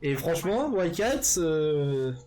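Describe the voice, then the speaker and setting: A man's voice: on the high side, big pitch swings, darkish tone. A man casting a live esports match, chatty and loose, filling gaps with fillers and fixing his own slips as he goes. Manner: chatty, full of fillers and quick self-corrections. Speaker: esports caster. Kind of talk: live game commentary.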